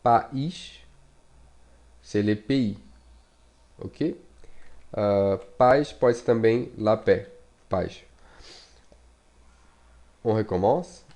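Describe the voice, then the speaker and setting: A Brazilian man who speaks Portuguese natively gives a casual language lesson in French. His voice is dark and mellow. He moves at an unhurried, halting pace, full of fillers and restarts. He repeats and spells out words with keyboard typing in the background. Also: fairly low pitch. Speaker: Portuguese teacher.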